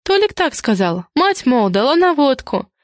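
A woman reading an audiobook and voicing a frightened, defensive young woman who squeaks and protests through tears. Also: big pitch swings, normal speed, no room sound, studio quality. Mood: nervous.

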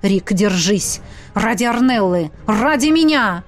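Steady male mage friend, calm and grounded, read by a woman narrator. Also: medium pitch, slow, faint music behind. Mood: encouraging.

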